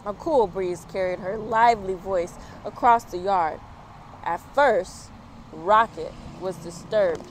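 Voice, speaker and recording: An American woman with a medium-pitched voice hosts a children's story time outdoors in a yard, reading aloud slowly and chatting warmly and expressively. She's recorded on a small external microphone, and the rough audio picks up street work, traffic and general outdoor ambience.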